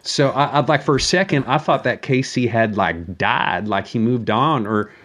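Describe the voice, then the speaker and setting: A man's voice: mid-range voice, normal speed, fairly bright tone. A man delivering a rambling, profane comic monologue, repeating words and stammering as he goes. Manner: crude, foul-mouthed.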